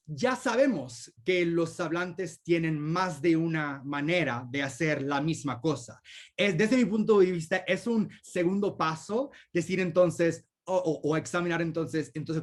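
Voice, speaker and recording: Thoughtful man fielding questions after a talk. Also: a little high. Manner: explains thoughtfully with many examples. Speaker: guest speaker answering questions. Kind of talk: academic Q&A discussion.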